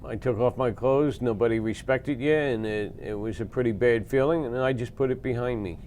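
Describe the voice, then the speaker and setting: A man in his sixties from Philadelphia, a veteran recounting war memories in a plain-spoken, halting way with pauses and fillers. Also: medium pitch, darkish tone, a little hiss or hum. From Philadelphia, USA. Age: 60s. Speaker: veteran interviewee.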